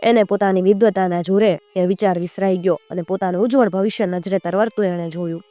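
A woman storyteller narrating a folk tale in a measured, expressive way. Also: mid-range voice, dry recording, faint music behind.

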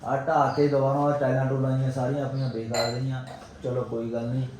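A man's voice: medium pitch, monotone, fast talker, a little mellow. A man with a Punjabi accent chatting casually to viewers as a vlog host, exclamatory and teasing, often repeating his phrases. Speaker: family vlogger and host. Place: home, indoors. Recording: echoey rooms with faint background noise.

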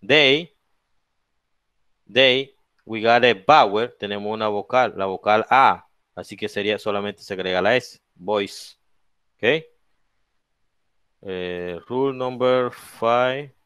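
A male English teacher with a Latin American Spanish accent walks a class through plural rules, switching between English and Spanish. He speaks slowly and spells out letters one at a time. His voice is smooth and resonant and sits close and dry on the mic. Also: on the low side, fairly bright tone, no echo. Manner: explains each rule in English then repeats it in Spanish, checking with "¿ok?" and "¿ya?"; slow, drawn-out spelling of letters and example words. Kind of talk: bilingual classroom lesson.

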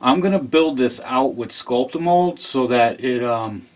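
In an unhurried, medium-pitched voice, a man casually demonstrates a model railroad project step by step at his layout in a hobby room, repeating himself while he explains.

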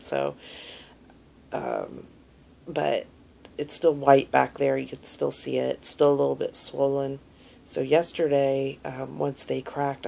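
A woman in her thirties with a gravelly, sore-throated voice, giving a casual, low-energy video diary update while lying down. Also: a little mellow, slight background noise. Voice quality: gravelly, creaky. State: sore throat while recovering from tonsil surgery. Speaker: vlogger giving a surgery recovery update. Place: small indoor room, lying in bed. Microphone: phone held at arm's length.

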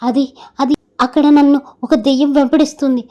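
A woman's voice: high voice, steady tone, a little fast, warm tone, highs cut off, lightly acted. A woman voicing a frightened young man who pleads and stammers in a storybook horror tale. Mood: scared. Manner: panicked, stammering pleas.

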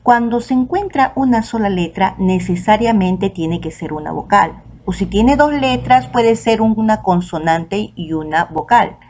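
A woman teacher with a Peruvian Spanish accent, giving a recorded online lesson to children and saying the example words out slowly and clearly. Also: medium pitch, animated, a little mellow, a little hiss or hum. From Peru.

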